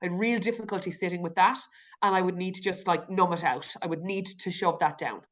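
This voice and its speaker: Speaking as a guest on a podcast, a woman with an Irish accent talks candidly and reflectively in conversational interview style, often restarting and using fillers. She has a lowish voice and a fairly quick pace.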